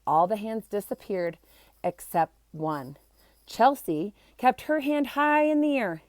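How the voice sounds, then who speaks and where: A woman reads a children's book aloud, acting out the characters expressively and adding short explanatory asides. Her voice is medium-pitched and expressive at a slow pace, recorded dry.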